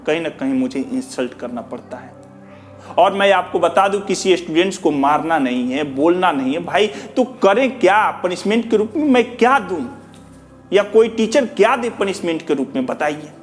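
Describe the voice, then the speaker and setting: Earnest man, fairly high voice. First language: Bhojpuri. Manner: earnest, repetitive, rhetorical questions, mixes in English. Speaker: teacher. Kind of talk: addressing students, reading out feedback.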